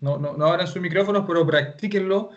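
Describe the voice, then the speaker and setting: A man's voice: high-pitched, fast, lo-fi sound. A man from Chile with a Chilean accent, teaching an online language class and explaining at length with many restarts. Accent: Chilean Spanish.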